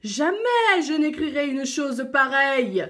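A woman voicing a proud, bossy male lion who shouts in outrage in a storybook reading. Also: high-pitched, takes it slowly, pitched above the performer's own voice. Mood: outraged.

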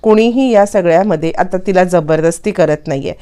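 Woman narrator reading a dismissive scheming woman; warm, low-pitched voice, retold drama scene. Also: brisk, natural voice. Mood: scornful. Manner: bossy, dismissive. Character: scornful scheming woman, mother figure.

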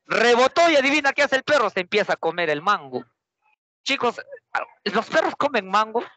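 A man's voice: high-pitched, moderate pace, no echo. A young adult male teacher with a Peruvian accent, telling a story to his class in a chatty way and often turning to quiz his students. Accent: Peruvian Spanish. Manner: lively, chatty, keeps quizzing students with rhetorical questions.

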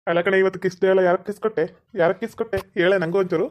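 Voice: medium pitch, fairly even intonation, racing, highs cut off, natural voice. A voice actor with a North Karnataka Kannada accent voicing a teasing young village man in a comedy cartoon. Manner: teasing, mocking. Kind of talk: comic cartoon voice acting.

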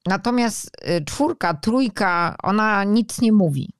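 A woman on a podcast calmly explaining school topics, with frequent filler sounds. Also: medium pitch, slow pace, dry recording, studio quality. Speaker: education expert, podcast co-host.

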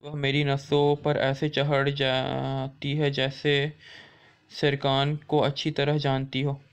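A man's voice: medium pitch, monotone, takes it slowly, gravelly, clean tone. A man reading the lines of a stubborn young woman in his own voice, with no acting. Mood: defiant.

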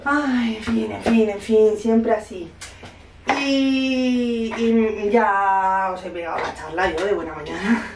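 A woman from Spain, a mother in her thirties, chatting to camera in her home kitchen. She tells a story and acts out each line of dialogue, her voice at a middle pitch, with a cough from a cold. Faint noise sits behind her. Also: fairly even intonation, slow pace. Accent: Spanish from Spain. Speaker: family vlogger, mother. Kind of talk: casual chat to camera.

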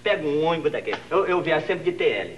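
A man's voice: on the high side, very animated, fast, dull audio, a little hiss or hum. An actor playing a cheeky, lazy male office assistant in a slapstick TV comedy sketch, with mock-naive misreadings and playful wordplay.

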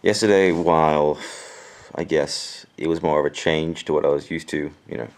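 A young man with an extremely low voice full of creaky fry. His jaw is swollen and sore after dental surgery. He rambles casually in a dry, deadpan way, as in a home vlog. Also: moderate pace. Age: young adult. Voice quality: gravelly, creaky voice. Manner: deadpan, dryly joking. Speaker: vlogger. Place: indoors at home. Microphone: handheld camera at arm's length.

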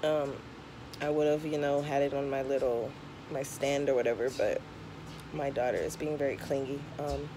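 A woman's voice: a bass voice, fairly even intonation, normal speed. A young woman with a slight lisp from a tongue piercing, chatting frankly and casually as she gives advice to camera. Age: young adult. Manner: frank, conversational advice-giving. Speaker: vlogger. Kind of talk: casual vlog chat. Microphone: camera or phone at arm's length. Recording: clear background noise, home camera recording.

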